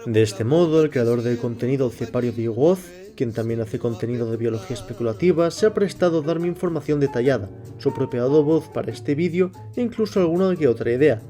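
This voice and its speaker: Man narrating in a mellow voice. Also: on the high side. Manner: measured, explanatory delivery. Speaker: channel host. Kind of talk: scripted narration.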